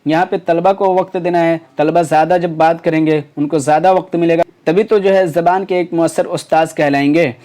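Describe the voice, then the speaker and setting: A man coaching students for a teaching exam. His voice is fairly high for a man and mellow in tone. He talks casually, with lots of fillers and rhetorical questions as he rules out each answer option. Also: fairly even intonation, hardly any pauses. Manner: conversational, many fillers and self-corrections, rhetorical questions.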